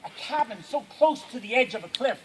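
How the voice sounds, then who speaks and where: A man telling a campfire story at a camp, dramatic and swinging from hushed to loud. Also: very high voice, animated, brisk, low-quality recording.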